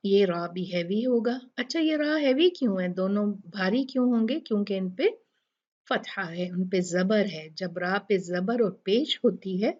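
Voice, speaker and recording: Woman tajweed teacher, slow unhurried delivery, repeats syllables patiently, dull lo-fi sound. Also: medium pitch, a little mellow. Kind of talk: tajweed lesson with slow recitation.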